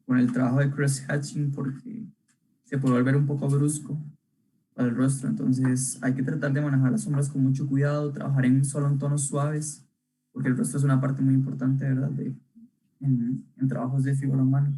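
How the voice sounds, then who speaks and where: A young man leads a live online drawing class in a mellow, slightly husky voice. He talks casually as he works, filling pauses with "um" and asking short checking questions, and his voice drifts on and off the webcam mic. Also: mid-range voice, completely flat delivery, low-quality recording. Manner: casual, thinking aloud, many tag questions and fillers. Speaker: illustration workshop teacher.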